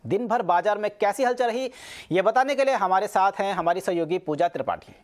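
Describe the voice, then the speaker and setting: A news anchor reading a scripted market bulletin in a measured, formal way. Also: medium pitch, animated.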